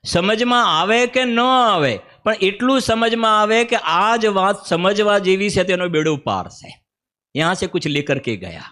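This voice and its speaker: A man's voice: high-pitched, lively intonation, unhurried, pushed and bright. A man with a Gujarati accent giving a spiritual discourse, conversational, often asking his listeners questions. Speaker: Jain preacher. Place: teaching camp hall.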